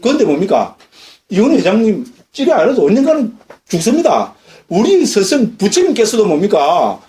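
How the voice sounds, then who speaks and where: Lively monk lecturer. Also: male voice, high voice, normal speed. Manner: lively, questions the audience often. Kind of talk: dharma lecture. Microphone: lecture recording.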